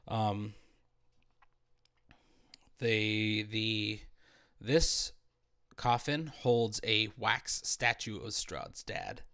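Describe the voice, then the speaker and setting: A man's voice: lowish voice, fairly bright tone, clean tone. Man running a tabletop game. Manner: reads descriptions slowly with some stumbles. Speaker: dungeon master. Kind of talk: narrating a tabletop game over voice chat.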